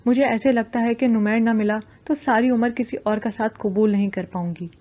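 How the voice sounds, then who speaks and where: A woman's voice: a little high, steady tone, mellow, close to an everyday voice. A woman voicing an anxious, lovesick young female student who speaks hesitantly and fretfully.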